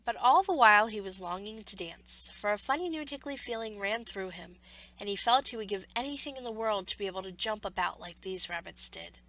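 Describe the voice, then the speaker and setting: A woman storyteller narrating a children's story in a measured, expressive read-aloud manner. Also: mid-range voice, rough recording.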